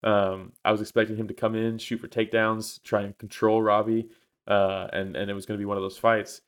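A man's voice: fairly low pitch, little pitch movement, a little fast, clear, resonant tone. A man co-hosting a podcast, telling a story in casual chat with lots of fillers and swearing. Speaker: podcast co-host.

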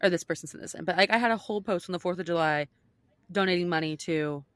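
A woman's voice: on the low side, fast talker, no echo. A woman co-host talking casually and giving her opinions emphatically, peppering her sentences with "like". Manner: emphatic, heavy use of "like".

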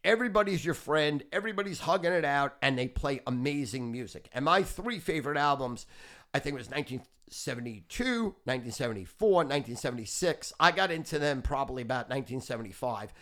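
A man's voice: mid-range voice, expressive, fast talker, fairly bright tone. A man in his fifties hosting a podcast, telling rambling, boastful stories full of swearing. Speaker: podcast host. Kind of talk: casual storytelling.

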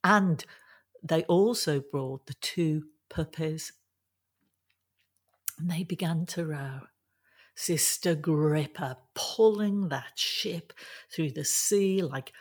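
A woman telling a folk tale aloud, expressive with dramatic pauses. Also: low-pitched. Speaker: storyteller. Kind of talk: oral folk-tale storytelling.

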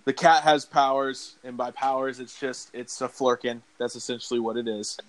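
A man's voice: mid-range voice, fairly even intonation, moderate pace. A man talks through a film plot in a loose, chatty podcast recap. He rambles, restarts sentences and leans on fillers like "basically" and "um." His breathing stays audible between phrases. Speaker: podcast host. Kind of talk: casual movie recap.

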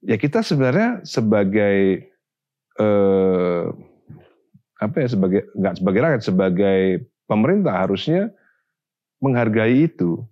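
A man argues his point in a casual panel discussion, filling pauses with hesitations before pressing on insistently. The recording sounds slightly dull and muffled. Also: fairly low pitch. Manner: animated, pushy, hesitant with fillers.

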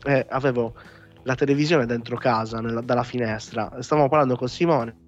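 A man hosting a casual talk show, ranting in an animated, exasperated way and swearing freely. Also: mid-range voice, brisk. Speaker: podcast host. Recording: muffled lo-fi audio with music behind. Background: background music.

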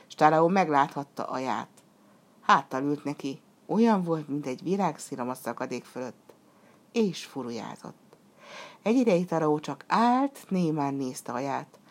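A woman reads a storybook aloud in a measured, expressive way. Her voice sits low for a woman. She narrates smoothly and evenly. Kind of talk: storybook reading.

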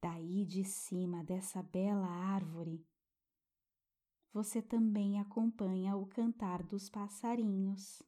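A Brazilian woman gently narrating a guided sleep-story meditation for children, hushed and tender, as a soothing guide. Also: mid-range voice, fairly even intonation. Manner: gentle, hushed, breathy pauses, tender diminutives.

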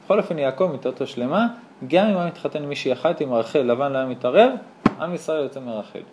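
A man, a rabbi, teaching a lively Torah class to a small live audience, telling stories, acting out dialogue and asking his listeners rhetorical questions. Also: fairly high pitch, background noise. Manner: animated storyteller who acts out dialogue.

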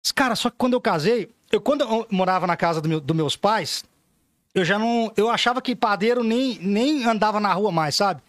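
A man on a podcast as the guest, telling funny stories in a casual, animated way and acting out the voices of the people in them. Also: high voice, a little fast, no echo, studio quality. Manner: animated, acts out voices in anecdotes, says "cara" often. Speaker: podcast guest, store owner. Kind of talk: casual storytelling chat.

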